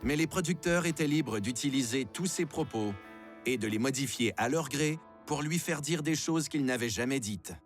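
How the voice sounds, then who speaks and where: Measured male documentary narrator. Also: medium pitch, soft background music.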